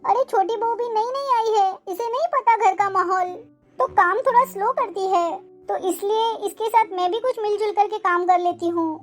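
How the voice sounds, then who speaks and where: Woman as cartoon mother-in-law: very high, shrill, melodramatic complainer. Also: normal speed, soft background music. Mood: aggrieved. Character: scolding, self-pitying old mother-in-law. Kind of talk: cartoon family drama voice acting.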